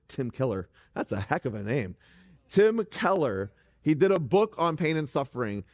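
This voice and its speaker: Animated pastor in a reverberant hall. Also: male voice, high voice. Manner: animated, joking asides to the congregation. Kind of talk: conversational sermon. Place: church stage.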